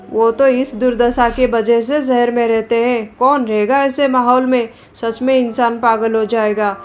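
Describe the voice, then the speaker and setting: A woman's voice: a little high, lightly acted. A woman voicing a harried young husband stuck between quarrelling wife and mother in a cartoon story, exasperated and complaining. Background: background music.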